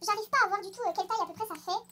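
A teenage girl chatting excitedly in a casual show-and-tell vlog, rambling with lots of hesitations and fillers. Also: extremely high pitch, very fast. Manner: excited, gushing. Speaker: horse-riding vlogger.

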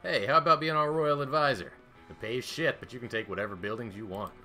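A man's voice: medium pitch, quick pace, pushed and bright, soft background music, natural voice. A man voicing a smug young demon who favors violence, in an offhand, bored manner.

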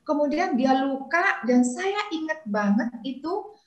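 A woman's voice: high voice, lively intonation, unhurried, lo-fi sound. A middle-aged woman speaking as a parenting motivator on a talk show, telling family stories with frequent "eh" fillers and small chuckles, heard over a video call. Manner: anecdotal, frequent "eh" fillers, chuckles mid-sentence. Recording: roomy video-call audio.

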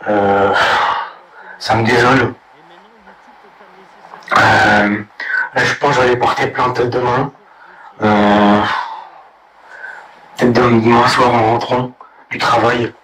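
A man with a hoarse, sick-sounding voice vents angrily in a crude, halting rant, full of hesitations. He keeps an unvarying, flat tone throughout. The recording carries a clear layer of noise behind him. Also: medium pitch. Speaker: gamer ranting to viewers. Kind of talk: angry video rant.

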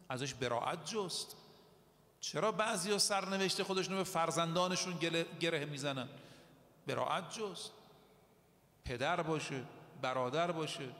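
A male preacher delivering a religious sermon, telling stories with slow, deliberate emphasis and reciting Arabic verses. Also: high voice, pushed and bright. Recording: echoey hall reverb.

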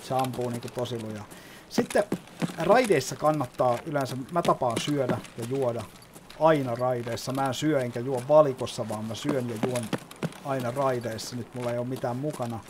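A man's voice: mid-range voice, noisy background. A man giving casual gameplay commentary, explaining as he plays and swearing often. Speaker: gaming YouTuber.

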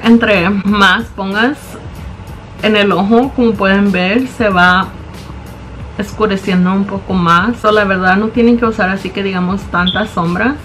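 A beauty vlogger, a young woman with a mid-range, slightly bright voice, records a makeup tutorial in her small bedroom. Facing a close camera in front of her, she explains every step in chatty Spanish that lets English words slip in.

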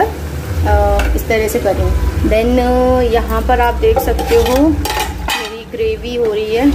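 A woman's voice: on the high side, background noise. A woman in her thirties chatting through a cooking vlog in her home kitchen, explaining each step as she goes while hot and sweating. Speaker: cooking vlogger. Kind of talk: casual cooking vlog chat.

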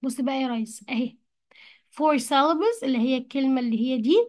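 A woman teacher with an Egyptian Arabic accent, explaining English words to young pupils in colloquial Arabic and repeating each English word slowly. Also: high voice. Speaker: primary school English teacher. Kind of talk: Arabic-language lesson explaining English vocabulary.

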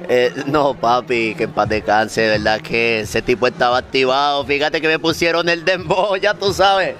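Casting: a man doing a clueless wannabe Caribbean reggaeton guy, rambling drawl, mid-pitch, outdoors on a handheld mic. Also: normal speed, a bit bright, lightly acted. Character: bumbling fake Puerto Rican reggaeton guy. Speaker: comedian. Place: outdoor balcony.

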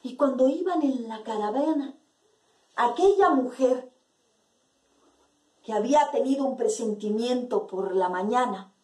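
A woman telling a folk tale in a lively, playful way, with asides to her listeners. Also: a little high, measured pace, pauses often, recorded from a distance. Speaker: storyteller. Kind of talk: storytelling for listeners. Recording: roomy sound from away from the mic.

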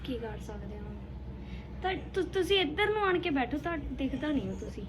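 A woman's voice: high-pitched, very animated, brisk. A woman chatting casually for a family vlog, often repeating herself for emphasis. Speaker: family vlogger. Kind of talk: casual home vlog chat. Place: at home and on its open rooftop. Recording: noisy handheld home recording.

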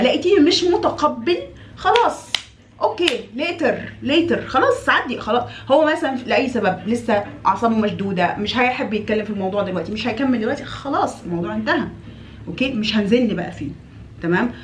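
A woman with an Egyptian Arabic accent giving direct advice to women as a relationship coach. She scolds, repeats phrases for emphasis and acts out quoted wives with big pitch jumps. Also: echoey room, a little hiss or hum.

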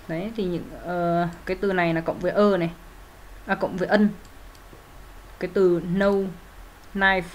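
On the low side, this woman's voice carries a grammar lesson in English, where she explains exercises and works through answers methodically, step by step. Fillers and self-corrections come often, and there's a little hiss or hum.

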